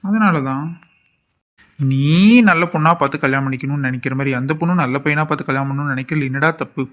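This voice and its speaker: A man's voice: mid-range voice, steady tone, fast talker, a bit bright, lightly acted. A man voicing a frank young doctor in a cartoon drama, lecturing his friend plainly.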